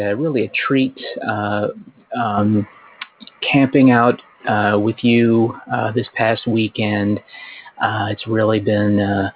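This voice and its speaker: A man leaving a halting, awkward voicemail to a camping buddy, full of ums, over tinny call audio. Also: mid-range voice. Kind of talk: improv comedy voicemail.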